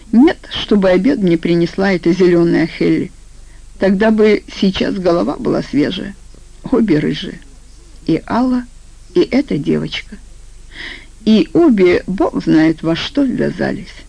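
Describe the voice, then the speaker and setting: A woman's voice: lowish voice, expressive, unhurried, vocal fry, mellow, slightly rough, no room sound, full character voice, poor audio. A woman voicing a hardened middle-aged man who talks in blunt, sardonic banter. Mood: mocking.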